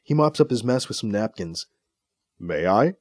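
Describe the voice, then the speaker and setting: A man reading audiobook narration in a low, even manner. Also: brisk, no echo, studio quality. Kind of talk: scripted narration.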